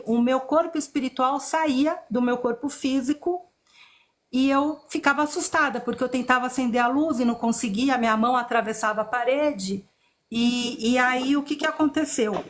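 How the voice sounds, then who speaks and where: A woman, a podcast guest telling her personal story in an earnest, unhurried way. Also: high-pitched. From Chile. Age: 50s.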